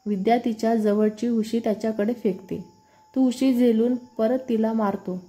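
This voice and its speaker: A woman reading a story aloud in an even, unhurried scripted narration. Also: a little high.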